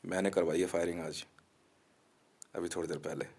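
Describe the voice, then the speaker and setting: Deep-voiced man in an angry, abusive rant. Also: fairly even intonation, moderate pace, heavy background noise. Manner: aggressive, abusive, menacing; mocking. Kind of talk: threatening rant to camera.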